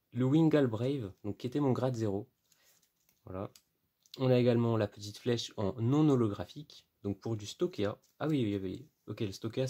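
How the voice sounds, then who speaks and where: A man talks through his card collection in a relaxed, chatty way, often laughing at himself and filling pauses with "euh". His voice sits fairly low and sounds warm and mellow. He is picked up by a camera mic while he moves around. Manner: chatty, self-deprecating, laughs often, many fillers. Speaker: card game vlogger. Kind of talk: casual card unboxing commentary. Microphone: camera mic, moving around.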